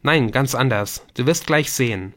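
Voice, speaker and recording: A man reading a calm, knowing teenage boy in a relaxed, reassuring tone. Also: medium pitch, normal speed, lightly acted.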